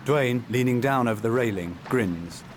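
A man reading scripted audio description of a film in the present tense, in a measured, descriptive way. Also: medium pitch, background noise.

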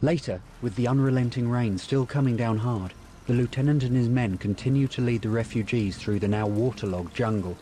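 A man reading scripted audio description for a film in a measured, descriptive manner. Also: mid-range voice, warm tone, slight background noise.

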